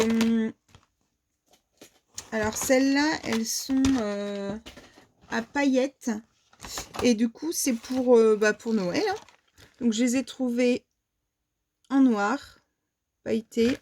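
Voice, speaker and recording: A woman's voice: a little high, slow, long pauses, a little mellow, slight background noise. A woman from France presenting her shopping haul in a casual, hesitant way, with many fillers and restarts. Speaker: vlogger showing a shopping haul. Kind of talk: casual show-and-tell haul.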